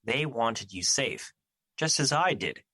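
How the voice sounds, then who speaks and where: An actor in an audio drama playing Fear personified, a solemn, protective immortal who speaks formally and earnestly, full of remorse. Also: male voice, medium pitch, expressive, takes it slowly, bright, forceful tone, dry recording, full character voice. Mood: protective, regretful. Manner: formal, stilted, earnest phrasing without contractions.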